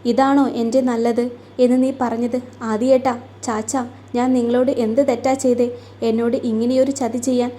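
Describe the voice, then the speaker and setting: A wounded young bride in a storybook romance, defiant and steadily bitter, as a woman narrator reads her part. The voice sits a little high and mellow, with little rise and fall. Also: little pitch movement, normal speed, lightly acted. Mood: hurt.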